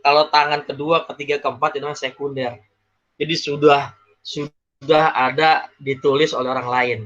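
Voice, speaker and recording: A man teaching a class, explaining examples in a lively way and often checking that students follow. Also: on the high side. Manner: lively, acts out quoted people, checks in with "paham ya?". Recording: slightly dull, lo-fi recording.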